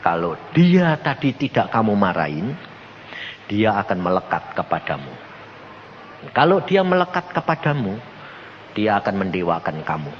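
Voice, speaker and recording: An older man voicing a calm, gentle divine figure, speaking slowly and softly in a low voice. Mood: gentle, patient. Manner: slow, soft and low. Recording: dull lo-fi with faint background noise.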